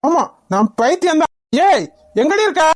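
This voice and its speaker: A woman's voice: sits high, expressive, a little fast, a little mellow. A woman voicing a hot-tempered young husband in a cartoon, harshly interrogating his wife. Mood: furious. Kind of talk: Tamil cartoon voice acting.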